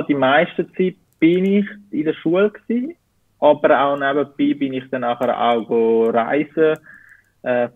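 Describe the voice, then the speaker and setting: A Swiss man in his twenties with a Zurich Swiss German accent answers interview questions as a guest, searching for words as he goes. His mid-range voice has no echo and comes through tinny, phone-like call audio.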